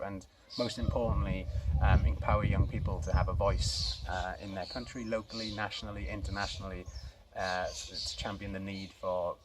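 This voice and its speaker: A low-pitched man with a South Welsh accent, from Swansea in Wales, introduces himself as co-founder of a youth mental health organisation. His delivery is casual, unscripted and somewhat hesitant, and the recording is very noisy.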